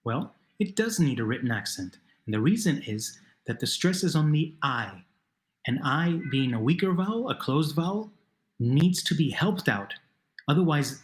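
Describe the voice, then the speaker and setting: A man's voice: a little high, lively intonation, moderate pace. A man narrating a video lesson as a Spanish teacher, posing questions to the learner and then patiently answering them himself.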